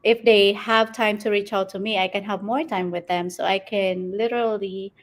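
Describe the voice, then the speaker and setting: A woman's voice: mid-range voice, steady tone, moderate pace. A woman, answering interview questions as a guest, rambling and laughing often. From Philippines. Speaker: guest entrepreneur.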